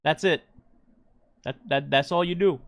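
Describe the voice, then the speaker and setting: Higher-pitched man chatting on a game stream. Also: a little slow. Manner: self-deprecating. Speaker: livestreamer. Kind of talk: casual game stream chat.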